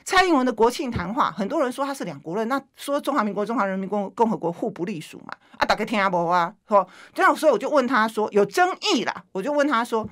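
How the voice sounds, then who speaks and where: Indignant high-pitched woman. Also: expressive, fast, few pauses, fairly bright tone. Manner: indignant, emphatic, fires off rhetorical questions. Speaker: legislator guest. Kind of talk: heated political talk-show commentary.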